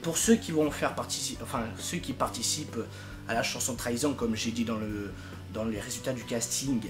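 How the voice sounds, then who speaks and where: With a steady tone and mid-range voice at normal speed, a young adult fandub project leader and video maker delivers a casual announcement while music plays behind him. He's informal, emphatic and exasperated, exaggerating comically.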